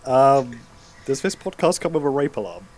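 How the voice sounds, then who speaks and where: A man's voice: mid-range voice, animated, moderate pace, a little mellow. A man with a British accent in a casual podcast chat, wry and self-deprecating.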